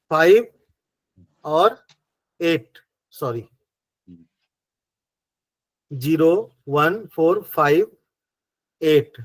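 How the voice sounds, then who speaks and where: This acupressure teacher speaks in a high voice with a Hindi accent, guiding his online class patiently through each step while repeating rhetorical questions. The recording carries no room sound.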